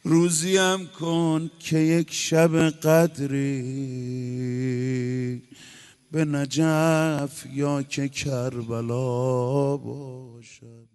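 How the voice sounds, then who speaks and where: A man's voice: a little high, level tone, darkish tone, clean tone. A man reciting a religious mourning story in a half-sung, chanting way that rises into lament. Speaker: religious eulogist.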